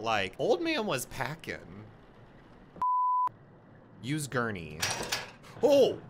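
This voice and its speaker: A young man giving casual, jokey let's-play commentary on a horror game, with loud, jumpy reactions. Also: mid-range voice, noisy background. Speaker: gaming YouTuber.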